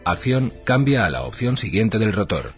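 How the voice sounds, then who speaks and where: A low-voiced man narrates an instruction manual. His intonation swings noticeably while he reads short labelled items formally. Faint music plays behind him. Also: very animated, moderate pace.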